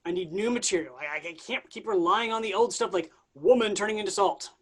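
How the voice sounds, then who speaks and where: An actor playing a laid-back, vain Jesus who talks like a slangy bro in a staged comedy reading. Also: male voice, high voice, brisk, fairly bright tone, husky. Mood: boastful, casual. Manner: casual slangy dude speech. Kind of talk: staged reading of a comic play.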